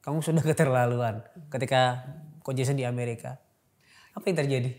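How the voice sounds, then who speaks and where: Woman host with a really low voice, short nudging questions. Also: steady tone, fairly quick, a little mellow. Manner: brief, encouraging prompts. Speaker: talk-show host. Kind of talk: interviewer prompts.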